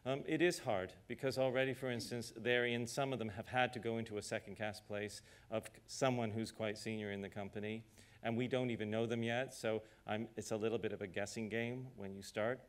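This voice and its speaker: Middle-aged guy from canada, low-ish voice, talks straight and tells little stories, pauses with ums. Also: fairly even intonation. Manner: direct, storytelling, with hesitations. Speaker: artistic director leading a Q&A. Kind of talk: candid conversational talk. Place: rehearsal studio.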